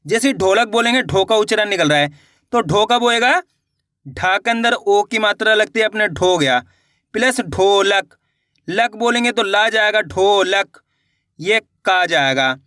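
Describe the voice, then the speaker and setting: Male reading teacher, high voice, very slow syllable-by-syllable delivery, repeats each word, dry close recording. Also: animated, sharp tone, dry recording. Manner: sounds out syllables one by one, then blends them; repeats and asks the learner questions. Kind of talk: slow spelled-out reading lesson.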